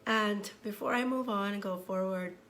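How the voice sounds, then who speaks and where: Hoarse woman coaching on a livestream. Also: medium pitch, moderate pace, a little hiss or hum. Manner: warm, greets viewers by name, many fillers. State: hoarse from a cold. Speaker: divorce coach. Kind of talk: live-streamed coaching talk.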